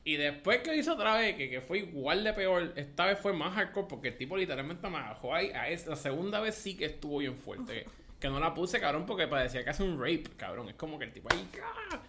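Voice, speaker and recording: A man's voice: fairly high pitch, animated, fast talker, pushed and bright, slight background noise. A man with a Puerto Rican accent telling a story in casual, profane chat, slipping English words into his Spanish.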